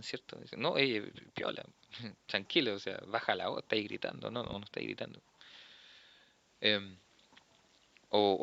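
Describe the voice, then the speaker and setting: Chilean guy teaching philosophy, low voice, dull lo-fi recording, keeps asking "right?". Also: sharp tone, no echo. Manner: explanatory, tags sentences with "¿cierto?". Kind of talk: classroom lecture.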